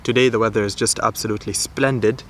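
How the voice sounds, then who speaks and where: A man's voice: lowish voice, steady tone, quick pace, fairly bright tone, slight background noise. A young man from Malaysia vlogging outdoors in a city, talking earnestly and rambling, restarting his words and using many "you know"s. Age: young adult. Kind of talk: casual outdoor vlog talk.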